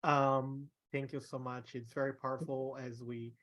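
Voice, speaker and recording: A man's voice: mid-range voice, flat delivery, a bit bright. A man moderating a Q&A over a video call, gracious and hesitant in his speech. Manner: gracious, hesitant with many pauses. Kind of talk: hosting an online Q&A.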